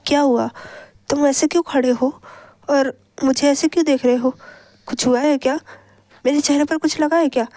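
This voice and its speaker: A woman voicing a caring, protective young man in a read-aloud story, reassuring in a hurried way. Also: high voice, steady tone, a little mellow, no room sound, lightly acted. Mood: puzzled light. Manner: soothing yet hurried, many quick questions. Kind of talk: storybook reading.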